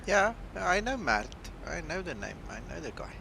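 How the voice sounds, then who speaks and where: A man chatting casually over voice chat as a fellow virtual pilot, relaxed and teasing. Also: a little high, normal speed, creaky, slight background noise, poor audio.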